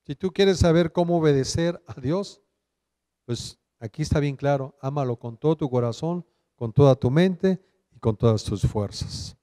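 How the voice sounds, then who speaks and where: A man's voice: fairly high pitch, moderate pace, mellow, big-room sound. A male pastor, teaching an online sermon and asking his listeners questions. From Mexico.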